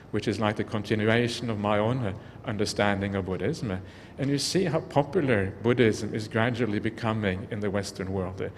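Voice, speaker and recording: A Norwegian-born man, a Buddhist monk, giving an earnest, reflective dharma talk to an audience in a large hall. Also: on the low side. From Norway. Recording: long hall reverb, faint background noise.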